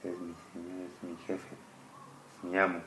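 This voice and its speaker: A man's voice: low voice, completely flat delivery, a little hiss or hum. A man homeschooling his child, patiently explaining a scripture story and asking questions. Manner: patient, asks the child questions, reads passages slowly and louder.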